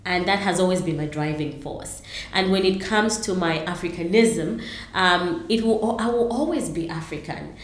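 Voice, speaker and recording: A woman's voice: fairly low pitch, moderate pace, reverberant. A middle-aged woman from Zambia, answering interview questions earnestly, with many ums and restarts. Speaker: interview guest, entrepreneur.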